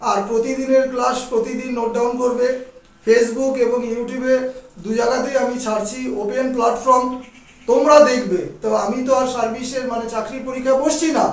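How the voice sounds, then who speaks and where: Man, Bengali accent, teacher, very high voice, far off, very echoey room. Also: fairly even intonation, a little fast. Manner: explains and repeats words, checks with "ঠিক আছে?". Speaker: English teacher. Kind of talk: classroom vocabulary lesson.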